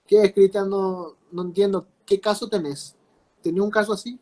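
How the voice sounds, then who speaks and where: A man's voice: high voice, steady tone, moderate pace, dark tone, low-quality recording. A man teaching a class, explaining with repeated rhetorical questions. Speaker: law teacher. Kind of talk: class lecture.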